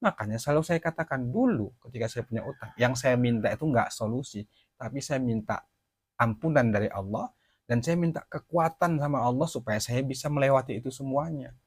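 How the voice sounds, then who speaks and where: A man's voice: mid-range voice, expressive, a little fast, breathy edge, dry recording, clean studio sound. A man giving an earnest, repetitive religious talk in a casual, conversational way. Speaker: religious speaker.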